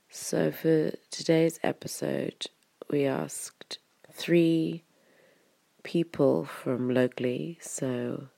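A podcast host in her 30s from Wiltshire, England, chats in a rambling, casual way, full of "kind of" and "like." Her voice is extremely low, gravelly, and mellow, recorded dry.

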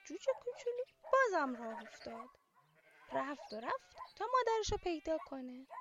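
A woman narrating a children's story in a gentle, sing-song, motherly way. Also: high-pitched, very animated, noisy background. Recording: slightly dull lo-fi recording.

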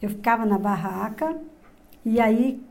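The guest, a middle-aged woman, recounts a personal story in a fairly high, creaky voice, going a little slowly. She's animated and casual, acting out quoted voices and lowering her voice to whispers.

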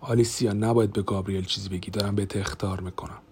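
A man's voice: on the low side, steady tone, darkish tone, a little hiss or hum, close to an everyday voice. Man voicing a menacing, jealous brother-in-law. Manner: evasive, then threatening. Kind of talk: audiobook character voice.

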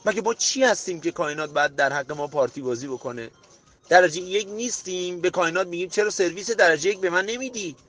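A man hosting a motivational podcast, preaching emphatically to his listener and rising to near-shouts. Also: high-pitched, lively intonation, faint music behind. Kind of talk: motivational monologue.

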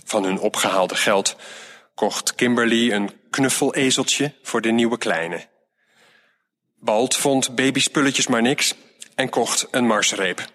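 A man reading a children's story aloud in a lively, plainspoken way. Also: mid-range voice, slow pace.

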